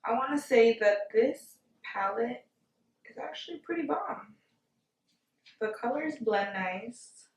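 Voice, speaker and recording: Giggly tipsy woman, high voice, echoey room. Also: animated, slow. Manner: giggly, tipsy drunk talk; playful, slangy, exclamatory. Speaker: beauty vlogger. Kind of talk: casual makeup tutorial chat. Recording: echoey room, distant from mic.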